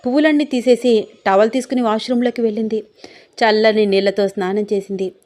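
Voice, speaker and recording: A woman reading a romance story aloud as a storyteller, in a steady, expressive way. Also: on the high side, a little fast, dry recording. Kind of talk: scripted story narration.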